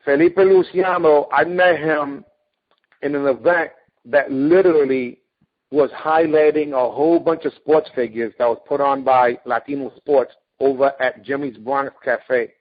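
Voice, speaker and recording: Animated man interviewing over a thin phone-like line. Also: mid-range voice, measured pace. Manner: animated storyteller, acts out quotes. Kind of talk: casual radio interview. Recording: phone-like radio audio.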